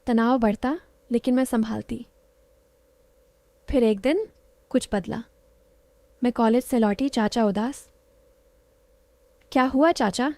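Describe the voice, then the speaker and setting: A woman narrates a first-person story in short, clipped phrases, soft and intimate in manner. Her voice is mellow and fairly high, and she reads unhurriedly. The recording is close and dry. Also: steady tone, unhurried, pauses often, no echo.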